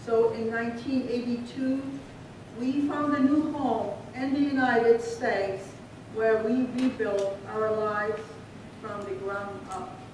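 A middle-aged woman from Afghanistan giving a prepared speech at a podium, speaking in a slow, measured way from her notes. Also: fairly even intonation, a little mellow. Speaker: guest speaker. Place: large indoor reception hall. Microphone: podium microphone heard from a distance. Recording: echoey hall from far off with faint rumble.

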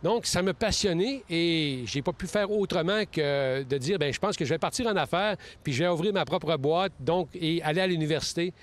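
A middle-aged kinesiologist from Saguenay-Lac-Saint-Jean, Quebec, answers casual interview questions in Quebec French. He sounds earnest and explanatory, with a slightly raised pitch, a moderate pace, hardly any pauses, and frequent restarts. He's recorded outdoors in a leafy park on a handheld mic held close.

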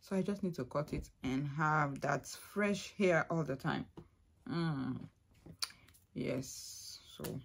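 A young adult woman chats to her camera in a soft, emotional way. She speaks slowly in a lowish voice and often repeats herself. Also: creaky, slight background noise. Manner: repetitive, emotional, soft-spoken. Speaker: vlogger. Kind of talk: casual chat to camera.

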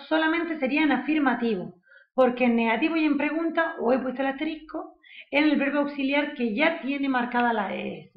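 Slow, patient woman teaching grammar. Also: sits high. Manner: slow, patient explaining, often checks with "¿vale?". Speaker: English teacher. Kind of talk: grammar lesson. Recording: echoey room, slightly dull sound.

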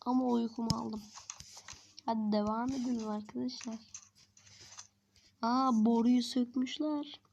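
A woman's voice: fairly high pitch, steady tone, measured pace, vocal fry, long pauses, darkish tone, dull audio, slight background noise. A woman narrating her own game role-play in a chatty way, constantly talking to the viewers.

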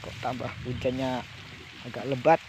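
A man's voice: mid-range voice, normal speed. A man fishing outdoors and chatting casually to his viewers. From West Sumatra. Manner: relaxed, chatty, addressing viewers. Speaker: fishing vlogger. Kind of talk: casual outdoor vlog narration. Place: outdoors by rural ditches and streams. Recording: faint outdoor noise. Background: rain and crickets.

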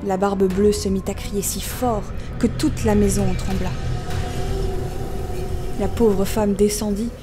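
Woman narrating a fairy tale over music. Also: mid-range voice. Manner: measured, expressive reading.

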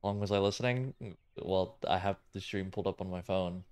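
A man hosting a game stream, chatting casually, loud and rambling while half joking. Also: deep voice, fairly quick, clean tone.

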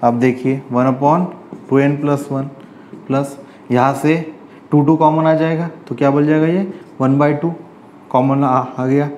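A man with a mellow, relaxed voice teaches a maths lesson at a steady, everyday pitch. He works through each step and keeps posing rhetorical questions to the class. Faint background noise sits under the recording. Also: measured pace, dull audio. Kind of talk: chalkboard maths lecture.

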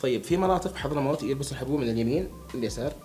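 With a medium-pitched, slightly mellow voice, this young Hadhrami from Yemen speaks in an animated, rapid-fire way. Faint music plays behind him as he asks his friend questions in a casual chat.

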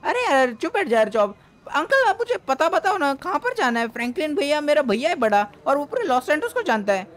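A woman's voice: high-pitched, very animated, brisk. A woman voicing a cheeky, carefree five-year-old boy in a game role-play. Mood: teasing.

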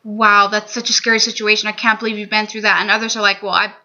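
This vlogger, a woman in her twenties, tells her own story openly to the camera in a small room, her medium-pitched voice flat, quick and sharp. A webcam or laptop mic at desk distance picks her up, giving dull lo-fi sound.

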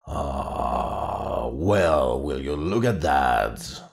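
A booming movie-trailer announcer, put on by a man, speaking in an extremely deep voice. He drags every phrase out slowly and dramatically, pushing out lots of air. His pitch swoops widely from word to word. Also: animated, heavily acted. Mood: dramatic. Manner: slow, dramatic, gravelly air-pushed delivery. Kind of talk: voice impression demonstration.

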